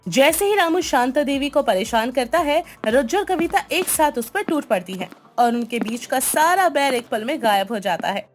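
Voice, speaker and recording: High-voiced woman narrating a storybook. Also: normal speed, few pauses, faint music behind. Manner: steady, descriptive.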